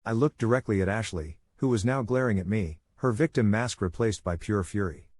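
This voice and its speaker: A man reading a scripted first-person story in an even, measured way. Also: lowish voice, no room sound. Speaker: story narrator.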